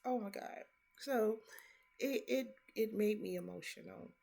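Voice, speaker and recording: A woman's voice: mid-range voice, measured pace, creaky, dark tone. A middle-aged grandmother speaking in a casual, heartfelt monologue, earnest and reflective, repeating points for emphasis.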